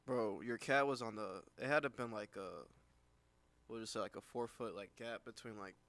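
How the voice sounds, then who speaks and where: A man's voice: lowish voice, normal speed, a bit bright, no echo. A young man co-hosting a casual podcast chat, rambling with lots of "like" fillers and frequent laughs. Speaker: podcast co-host.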